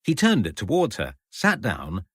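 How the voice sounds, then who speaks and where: Husky, expressive male audiobook narrator. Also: fairly low pitch, no echo, clean studio sound. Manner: expressive, measured storytelling. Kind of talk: scripted narration.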